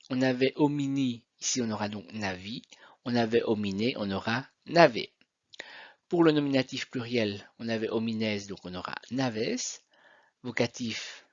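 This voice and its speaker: A male teacher explaining grammar slowly and patiently, leading the listener through one example after another. His voice sits at an ordinary middle pitch. The recording is somewhat muffled and completely dry. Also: no echo. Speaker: Latin teacher.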